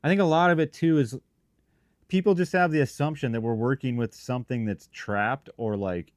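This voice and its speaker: A man with a mid-pitched voice chats casually as he hosts a livestream. He rambles informally, thinking out loud and breaking his sentences into short pieces. The sound is dry, with very little room in it. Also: normal speed, no echo. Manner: informal, rambling, thinking aloud in broken phrases. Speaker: livestream host, paranormal investigator. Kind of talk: casual live-stream chat with viewers. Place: shop.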